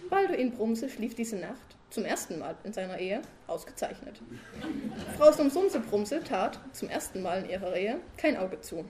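A woman reading a humorous story aloud as narrator, calm and even. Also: medium pitch, normal speed, a crowd in the background.

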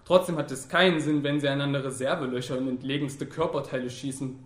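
A man's voice: medium pitch, steady tone, fast talker, reverberant, close to an everyday voice. A man voicing an ironic, thoughtful young moralist in an audiobook, lecturing with dry irony.

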